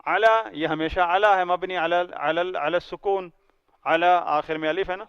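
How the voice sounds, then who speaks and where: A man's voice: sits high, fairly even intonation, gravelly, clean tone, dry recording, muffled recording. Patient man teaching a language class. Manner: patient, explains word by word and drills pronunciation. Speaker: Arabic teacher. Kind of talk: classroom grammar lesson.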